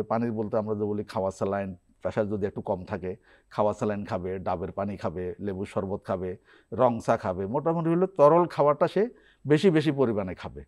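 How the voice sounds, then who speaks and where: A man's voice: medium pitch, a little mellow. Man explaining in a TV studio. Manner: explanatory, lists symptoms and remedies step by step. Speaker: guest doctor. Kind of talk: health advice on a TV program.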